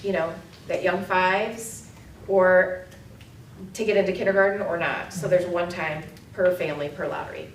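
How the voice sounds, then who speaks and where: A woman's voice: lowish voice, steady tone, slight background noise. Upbeat woman reporting in an echoey room. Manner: enthusiastic, fast, filler-heavy. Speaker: immersion program presenter. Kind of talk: presenting a report at a board meeting. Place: meeting room. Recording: echoey room, mic far off.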